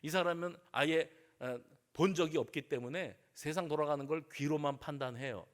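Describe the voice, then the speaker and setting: A middle-aged male pastor preaching a sermon, telling the story vividly, acting out the voices of the crowd and sometimes dropping to a hushed near-whisper. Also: a little high, moderate pace.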